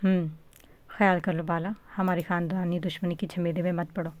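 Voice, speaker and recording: A woman's voice: lowish voice, flat delivery, darkish tone, natural voice. A woman voicing a stern, caring elder male cousin in a storybook reading, firm and lecturing.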